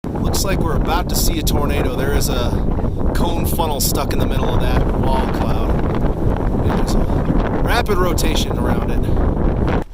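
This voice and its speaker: Heavy engine and road noise surrounds this man's voice as he records a casual vlog in a moving vehicle. He gives running commentary as a storm chaser, with a medium-pitched voice. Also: normal speed. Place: inside a car on the road. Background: loud engine and road rumble.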